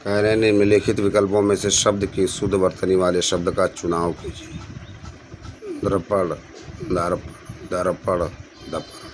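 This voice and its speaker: Deep-voiced man teaching exam spelling. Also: monotone, fairly quick, hardly any pauses, slight background noise. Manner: reads each option aloud, repeating words to stress the correct one. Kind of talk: exam-prep lesson going through spelling questions.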